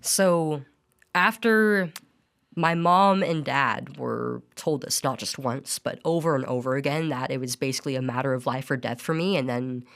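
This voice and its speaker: Speaking at a normal speed in an extremely low, gravelly voice, a young woman recounts her own experiences as a guest on a podcast. Her testimony is earnest, and she often starts sentences over.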